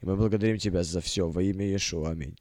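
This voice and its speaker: A man giving a live interpretation of a sermon in a halting way, restarting words as he follows closely behind the preacher. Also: low-pitched, darkish tone, no echo.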